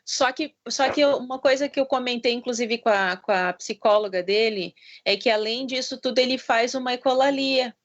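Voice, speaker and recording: A woman from the south of Brazil, a parent, asking a question on a video call. She speaks haltingly and searches for her words. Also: on the high side. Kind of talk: webinar question. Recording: muffled video-call audio.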